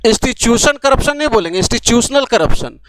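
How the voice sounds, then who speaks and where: A man's voice: very high-pitched, lively intonation, fast, fairly bright tone, a little hiss or hum. A young man teaching an English grammar lesson to the camera, asking questions and answering them himself. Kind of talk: classroom lecture to camera. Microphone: camera mic, recorded for an app course.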